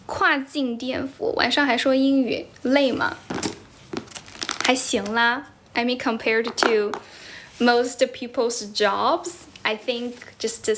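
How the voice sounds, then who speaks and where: Answering comments on a phone livestream, a talkative, teasing young Chinese woman works as an English tutor. She's from China, speaks Mandarin natively with a Chinese accent, and switches languages mid-sentence in her fairly bright, slightly high voice.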